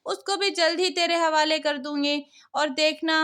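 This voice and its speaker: A woman's voice: high-pitched, steady tone, moderate pace, a bit bright. A woman voicing a cruel, shape-shifting young witch wife in a cartoon story. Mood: spiteful.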